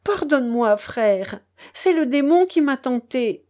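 A woman's voice: fairly high pitch, sing-song, takes it slowly, a little mellow, pitched above the performer's own voice, exaggerated voice. A woman voicing a remorseful young male peasant who begs for forgiveness in a tearful voice, in a storybook reading. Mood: tearful pleading. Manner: begging, tearful.

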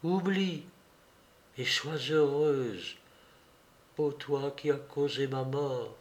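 A man reading the lines of a melancholy young woman spirit in a soft, hushed murmur. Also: mid-range voice, extremely slow. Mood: tender murmur. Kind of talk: audiobook character voicing.

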